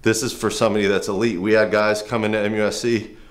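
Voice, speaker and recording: A man with a fairly low voice talks through band exercises in a garage. He explains things earnestly and casually, often restarting his sentences as he goes. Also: level tone, quick pace. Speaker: firefighter and trainer. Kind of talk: casual instructional demo. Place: home garage gym.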